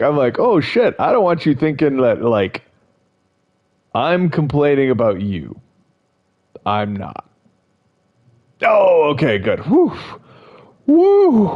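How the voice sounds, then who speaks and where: A man's voice: fairly low pitch, a little mellow. A young man chatting casually with his stream chat while playing, rambling and amused at himself. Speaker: gaming streamer. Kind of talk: casual gameplay commentary. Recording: slightly dull, faint game noise.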